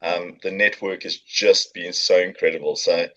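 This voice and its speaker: A middle-aged South African man, a business owner, appears as a podcast guest in a coworking space, telling his story casually with jokes and filler words. His voice is low and fairly bright, with fairly even intonation and a moderate pace. The recording sounds lo-fi.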